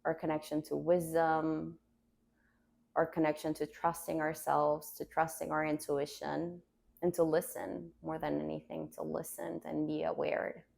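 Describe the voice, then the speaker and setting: Female meditation teacher, calm grounding delivery, very slow and gentle, some vocal fry. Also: deep voice. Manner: calm, gentle instruction with unhurried pauses.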